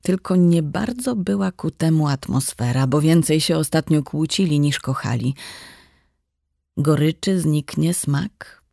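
A narrator reading a novel aloud at an even, measured pace. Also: medium pitch, creaky, no room sound, studio quality. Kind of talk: scripted audiobook narration.

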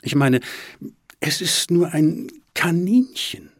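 A man's voice: on the high side, expressive, takes it slowly, dry recording, voice pushed up, exaggerated voice. A man voicing an anxious, prim middle-aged mother who fusses and scolds in a storybook reading. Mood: unsure. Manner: fussy, scolding.

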